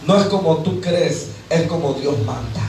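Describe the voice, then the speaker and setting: A Mexican man preaching a sermon as a pastor, lively, acting out the voices of everyday people. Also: fairly high pitch, moderate pace, gravelly, slight background noise. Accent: Mexican Spanish. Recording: echoey hall, voice from far off.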